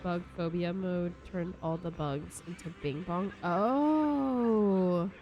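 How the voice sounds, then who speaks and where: Slow-talking, giggly woman streamer. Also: on the low side, dull audio. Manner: laid-back, giggly, chatting with viewers. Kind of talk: casual live stream chat.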